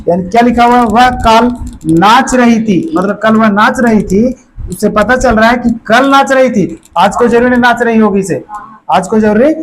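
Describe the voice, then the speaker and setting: A man's voice: very high voice, normal speed, slight background noise, rough recording. A man teaching a grammar lesson to a classroom of students, drilling them with constant questions in a colloquial, repetitive way.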